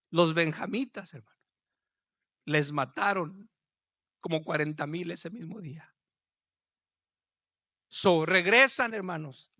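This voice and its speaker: A man preaching a sermon as pastor, swelling from low talk to loud, shouted passages. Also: no echo, studio quality.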